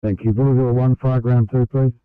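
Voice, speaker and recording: A man's voice: medium pitch, little pitch movement, brisk, clear, resonant tone, no room sound. A man working as a fire dispatcher, speaking in clipped, courteous procedure over a crackly two-way radio. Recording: narrow, crackly radio channel.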